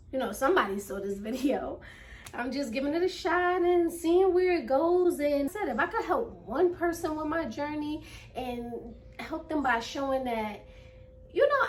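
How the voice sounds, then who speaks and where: A woman's voice: high voice, slight background noise. A woman talking casually in her first vlog. She is earnest and a bit nervous, slightly out of breath, and repeats herself with plenty of fillers. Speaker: vlogger. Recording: voice a little distant from mic.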